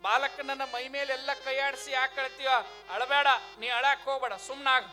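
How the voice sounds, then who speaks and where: A man's voice: very high-pitched, fairly even intonation, fairly quick, sharp tone, soft background music, heavily acted. Man voicing a reassuring, commanding saint. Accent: North Karnataka Kannada. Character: kindly saint comforting a weeping devotee.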